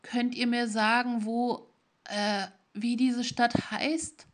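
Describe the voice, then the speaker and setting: Lady reading a lost stranger guy in a cowl, pleads then pushes hard, voice pitched up and loud. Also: little pitch movement, slow pace, slight background noise, full character voice. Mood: confused. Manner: pleading, growing pushy and demanding. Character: confused stranger man in a grey cowl, frantic.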